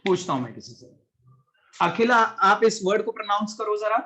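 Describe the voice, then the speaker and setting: High-voiced man teaching chemistry online. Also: expressive, normal speed, bright, forceful tone. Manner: patient, explaining in Hindi mixed with English; questions students by name. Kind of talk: online class lecture.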